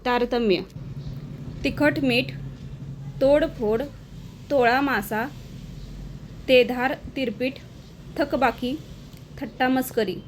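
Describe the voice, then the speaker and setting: Slow, clear woman teacher dictating word lists. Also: sits high, a little hiss or hum. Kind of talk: exam-prep lesson reading word lists.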